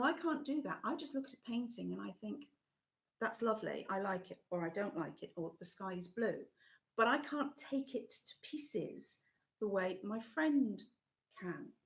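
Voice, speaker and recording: Middle-aged woman trainer, fading gravelly voice, reflective with frequent pauses, video call. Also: on the high side. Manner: thoughtful, pausing with many ums. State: losing her voice, coughing. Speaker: teacher trainer. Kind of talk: live online session talk.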